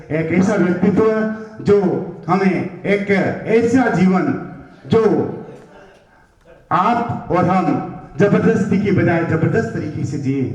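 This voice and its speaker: A man anchoring a school event, welcoming guests in slow, declamatory, halting phrases. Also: sits high. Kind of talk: formal stage announcing. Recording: echoey hall from far off.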